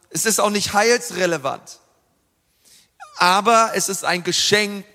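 A preacher gives an earnest, emphatic sermon, frequently stopping on fillers and restarting phrases. His high voice rings bright and forceful, trailed by the long reverb of a large church hall.

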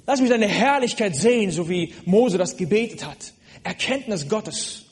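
A man delivers a sermon in a fairly high voice. He speaks earnestly and directly to his listeners, often pausing on hesitant fillers. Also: animated. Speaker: preacher.

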